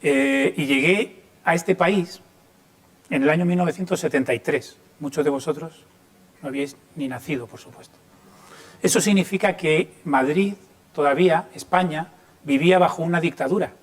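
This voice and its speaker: Man, 50s, from Chile, lecturer, slightly higher voice, halting, thinks aloud with many fillers. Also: lively intonation. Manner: hesitant, many fillers and restarts. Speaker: lighting designer giving a talk. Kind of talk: informal lecture to students.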